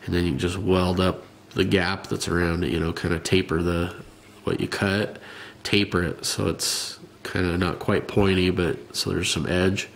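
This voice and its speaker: A man's voice: sits low, flat delivery, moderate pace, vocal fry, a little hiss or hum. A man with a nasal voice giving a casual, rambling how-to demonstration of his hobby work, with plenty of fillers. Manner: rambling, plain-spoken, many fillers. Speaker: hobbyist showing a rifle customization.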